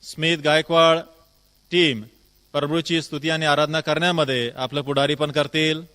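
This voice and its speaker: A man leading a church service, reading set prayers in a steady reciting manner. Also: a little high, normal speed. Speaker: worship service leader. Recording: long church reverb with faint music.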